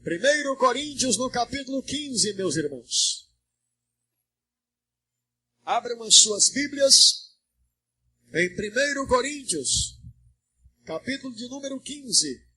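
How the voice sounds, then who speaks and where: A Brazilian pastor with a very high, bright and ringing voice preaches a Pentecostal sermon to his church. He calls out to the congregation and lets them answer, then climbs into rhythmic, sing-song shouting. It comes from an old 1992 church recording. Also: sing-song, slow, long pauses, husky. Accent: Brazilian Portuguese.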